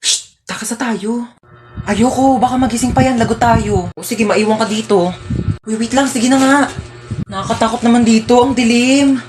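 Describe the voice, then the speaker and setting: A woman's voice: on the high side, moderate pace. A woman narrating and acting out comedic storytime skits in a playful, teasing way, with music playing behind.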